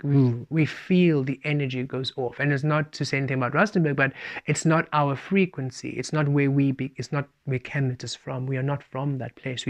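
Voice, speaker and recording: A man giving a spiritual talk, speaking of himself as "we" and shifting between playful and calm. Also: mid-range voice. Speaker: spiritual teacher. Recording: dull lo-fi recording.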